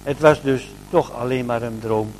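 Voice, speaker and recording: A man voicing a kind, gentle old shoemaker who speaks softly in a storybook. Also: mid-range voice, moderate pace, slight background noise, natural voice. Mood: sad. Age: older. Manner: soft-spoken, gentle.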